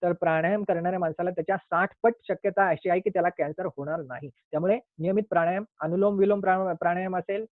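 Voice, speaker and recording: A man's voice: sits high, fairly even intonation, quick pace, few pauses, dry recording. A man who is a doctor giving an earnest, explanatory health talk, now and then acting out little quoted scenes. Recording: tinny phone-like line.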